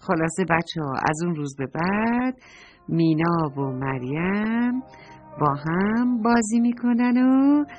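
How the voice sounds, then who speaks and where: A woman's voice: medium pitch, faint music behind. Woman telling a children's story. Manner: warm and animated, addresses the children directly. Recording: dull lo-fi recording.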